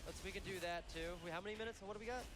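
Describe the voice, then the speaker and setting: Fast-talking, high-pitched man demoing a game. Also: over music. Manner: chatty, jokey, enthusiastic. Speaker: game developer presenting a demo. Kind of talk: live gameplay demo commentary, casual. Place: live convention stream.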